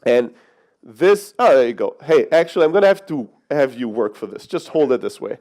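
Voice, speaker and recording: In a conference hall, a man in his thirties from Greece who grew up in Germany gives a brash keynote, joking with the audience and swearing at times. He speaks at normal speed in a mid-range, slightly mellow voice with lively intonation.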